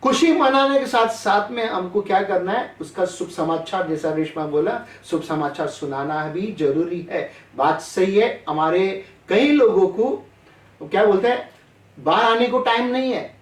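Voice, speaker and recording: A man's voice: sits high, lively intonation, a little slow, reverberant, distant mic, low-quality recording. A man preaching a sermon in a chatty way, often asking his listeners questions. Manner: conversational, asks the audience questions. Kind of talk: sermon over online call.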